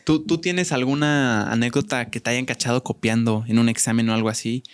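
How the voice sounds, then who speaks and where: Animated Mexican man telling a story. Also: medium pitch, brisk, clear, resonant tone, no echo, clean studio sound. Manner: animated storyteller, acting out quotes with slang. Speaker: podcast co-host. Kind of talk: casual chat.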